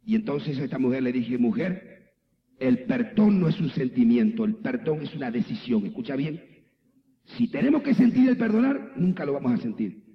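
A man's voice: medium pitch, moderate pace. A man preaching a sermon as a pastor, acting out his talks with people and building to a passionate fervor. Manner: impassioned preaching, acts out dialogue. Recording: echoey hall, dull lo-fi with music.

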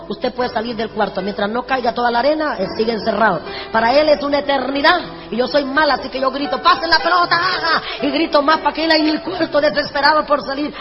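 A woman preacher telling lively, humorous stories in a sermon, acting out the dialogue. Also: high voice. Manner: animated, humorous, acts out dialogue. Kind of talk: storytelling sermon. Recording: echoey hall, dull sound, music behind.

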